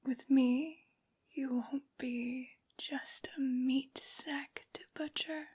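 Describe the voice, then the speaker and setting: A woman's voice: sits high, fairly even intonation, dark tone, exaggerated voice. Woman playing whispering, haughty vampire Lady Dimitrescu. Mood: gloating menace. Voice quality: breathy, mostly whispered. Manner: slow, deliberate, condescending, drawn-out phrasing. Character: tall, evil, haughty aristocratic vampire woman, menacing. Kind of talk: soft-spoken ASMR villain roleplay.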